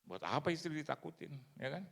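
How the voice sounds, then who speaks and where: Gravelly-voiced male preacher. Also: a little high, brisk. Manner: lively storytelling, acts out other people's voices. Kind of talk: sermon. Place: church service.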